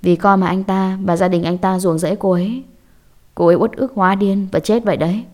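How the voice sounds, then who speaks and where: A woman voicing a gentle, slow-spoken Buddhist monk in a storybook horror tale. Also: mid-range voice, steady tone, natural voice. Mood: grave. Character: calm Buddhist monk, grave.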